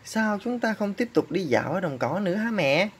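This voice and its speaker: A woman voicing a timid, excitable young kangaroo, exclaiming as she reads a storybook to a toddler. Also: medium pitch, moderate pace, husky. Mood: curious.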